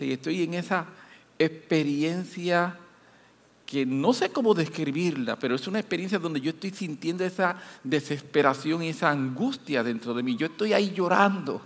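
Impassioned high-voiced male preacher, reverberant hall. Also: creaky. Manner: impassioned, swinging from hushed to loud. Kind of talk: sermon.

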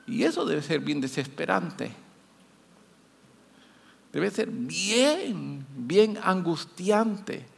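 A man preaching a sermon with great passion, moving between quiet, hushed passages and loud, rising repetitions. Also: on the high side, big pitch swings, extremely slow, creaky, long pauses, husky. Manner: impassioned, swinging from hushed to loud. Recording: long hall reverb.

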